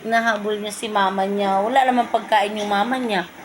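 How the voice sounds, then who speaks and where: A woman's voice: mid-range voice, fairly even intonation, normal speed, a little hiss or hum, poor audio. A woman filming a casual vlog of her pets, calling and cooing to them by name. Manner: coos and calls to her pets. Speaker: pet vlogger.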